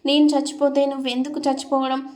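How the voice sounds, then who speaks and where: A woman narrator voices an ashamed young woman in a storybook, tearful and apologetic. Her voice is slightly high and narrow in range. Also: monotone, fast talker, darkish tone, lightly acted. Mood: remorseful.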